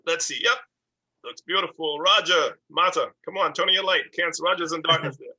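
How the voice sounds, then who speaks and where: A man hosting a video call, wrapping up casually with a relaxed, friendly manner. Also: fairly high pitch, fairly quick, dull audio. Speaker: host. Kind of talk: casual meeting wrap-up.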